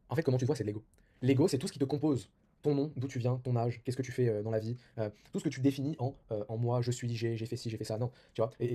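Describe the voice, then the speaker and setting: A young man rattles off casual self-improvement advice at a very rapid clip. His voice is dark and husky, and his talk is loose and informal, full of fillers and false starts. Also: medium pitch.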